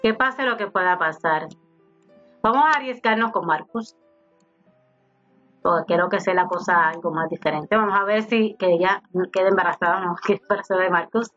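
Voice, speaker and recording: A woman's voice: fairly low pitch, normal speed, a bit bright. A woman giving casual let's-play commentary, chatting to her game characters as she plays. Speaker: gaming YouTuber. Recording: slightly dull home recording with faint game music. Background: faint game music.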